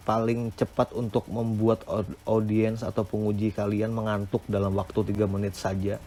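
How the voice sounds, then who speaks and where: A man delivers a step-by-step lecture on public speaking, pausing often on hesitant fillers as he explains each point. His voice sits a little low. A faint hiss of noise runs under the recording. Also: warm tone.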